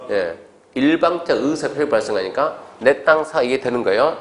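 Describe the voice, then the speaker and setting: A man's voice: mid-range voice, animated, normal speed. A male lecturer giving an exam-prep lecture in a conversational way, acting out little exchanges as he explains. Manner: conversational, acts out quoted exchanges.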